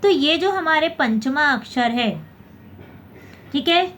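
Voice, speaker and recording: Woman teacher, high voice, checks in often and corrects herself, faint room noise. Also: animated, slow, fairly bright tone. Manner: repeats "theek hai" and checks with the class, corrects her own slips. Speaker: Hindi teacher. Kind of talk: explaining a basic grammar lesson.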